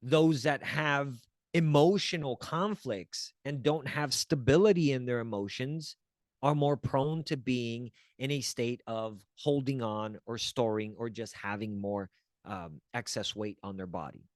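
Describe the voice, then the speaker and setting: In a dry, studio-quality recording, a man with a medium-pitched voice teaches to camera as a wellness coach, taking his time. He's earnest and encouraging, checking in with the listener often and restarting phrases while he hunts for the right words.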